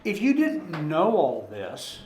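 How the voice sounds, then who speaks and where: A man's voice: fairly high pitch, wildly swooping pitch, takes it slowly, a little mellow, slight background noise. A man leading a church study group in casual, rambling talk, restarting sentences and asking the group rhetorical questions. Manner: rambling, with frequent restarts and repeated words. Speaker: Bible study leader. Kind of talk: informal Bible study talk. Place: church meeting room. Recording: echoey room recording.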